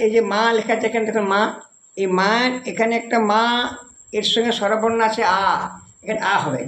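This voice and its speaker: A man's voice: high voice, a bit bright, a little hiss or hum. A man teaching a devotional music lesson, explaining patiently and repeating points simply for viewers. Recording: echoey room.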